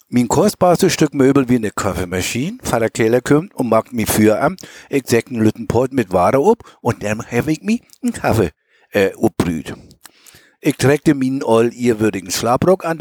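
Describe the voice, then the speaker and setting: Storyteller, male, strong Mecklenburg Low German accent, homely reading with small stumbles, dry close recording. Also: darkish tone, no echo. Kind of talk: reading a memoir tale aloud.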